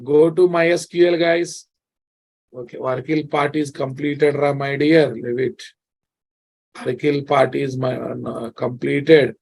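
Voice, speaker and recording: A man's voice: medium pitch, fairly even intonation, unhurried, creaky, a little mellow. A man with a Telugu Indian accent giving an informal live programming lecture, often repeating phrases and checking that his students follow. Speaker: programming instructor.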